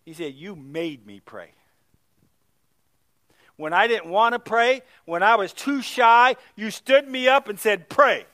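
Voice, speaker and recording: A middle-aged male pastor telling stories in a sermon, swinging from loud exclamations to hushed, near-whispered moments. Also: sits high, slow, dry recording.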